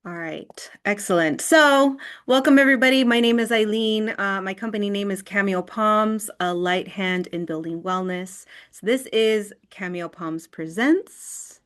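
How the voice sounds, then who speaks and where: A woman's voice: mid-range voice, a little slow, hardly any pauses, a bit bright, clear, resonant tone. A woman leading an online wellness workshop in a screen recording of a video call. She talks conversationally and often checks in with "right?".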